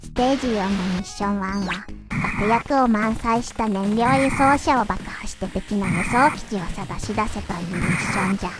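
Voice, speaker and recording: A woman's voice: medium pitch, moderate pace, poor audio. A woman giving scripted gameplay commentary as a playthrough host, phrasing things in the quaint manner of an elderly sage. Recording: loud game music behind voice. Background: loud video game music.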